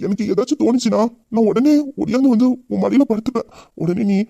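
A man's voice: sits high, creaky, warm tone, no room sound, dull audio. A man with a Tamil accent playing a loving young husband who grieves his mother, talking intimately and heartfelt. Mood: tender. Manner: intimate, heartfelt, rapid talk. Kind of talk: romantic audio drama.

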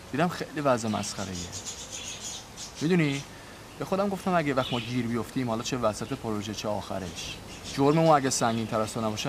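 An actor playing a sly, bold kidnapper who taunts his boss, often speaking in a hushed voice. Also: medium pitch, noisy background, lightly acted.

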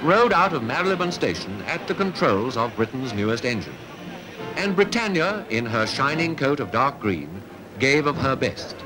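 A man, narrating a 1950s newsreel in a crisp, declamatory announcing manner. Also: medium pitch, big pitch swings, moderate pace, background noise.

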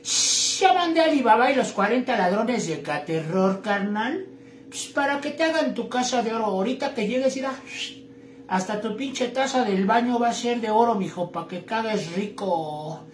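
A man voicing a cocky female magic snake genie with a Mexican accent, who hushes and talks in street slang. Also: sits high, expressive, normal speed, reverberant, slight background noise. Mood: cocky, slangy. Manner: streetwise slang, hushing "shh" before speaking.

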